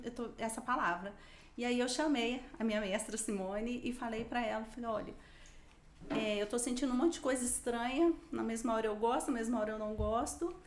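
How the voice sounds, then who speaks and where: A woman's voice: a little high, reverberant. A woman guest telling a personal story in casual conversation, animatedly quoting her own thoughts. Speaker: podcast guest.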